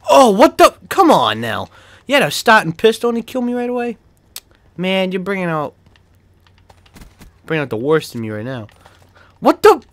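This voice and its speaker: This gaming video creator is a young Boston-accented man whose voice sits high, moving at a moderate pace with long pauses and no echo. His casual commentary on the gameplay is excitable, full of swearing and laughter, with yelps whenever he's surprised.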